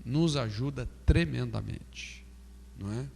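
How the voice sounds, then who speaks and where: A Brazilian man, a pastor, teaching on pastoral counseling in an animated way, often checking in with his listeners. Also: medium pitch, measured pace, creaky, a little hiss or hum. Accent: Brazilian Portuguese. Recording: reverberant hall.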